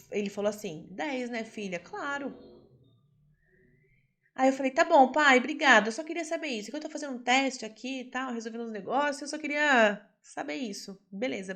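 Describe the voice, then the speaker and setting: Woman course teacher, lively and emphatic, slightly high voice, speaks straight to her class. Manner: animated, emphatic, swings between loud and soft; talks straight to the class, asking them questions. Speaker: self-development course teacher. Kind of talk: live class lecture with a personal story.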